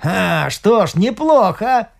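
A reader voicing a rough male prisoner in an audiobook, coarse and mocking, with a lively, gravelly delivery. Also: mid-range voice, takes it slowly, exaggerated voice. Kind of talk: audiobook reading.

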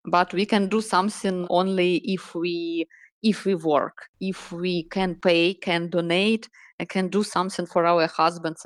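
A Ukrainian woman in her thirties, a salon owner and project manager, answering interview questions in careful, halting English with many pauses. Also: on the low side, no echo. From Ukraine, Donetsk region. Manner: earnest, halting non-native phrasing with many pauses.

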